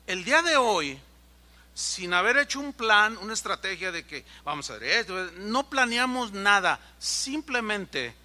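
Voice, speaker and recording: A man's voice: high-pitched, sharp tone. A man preaching a sermon as pastor, telling stories with animation and acting out the voices of the people in them.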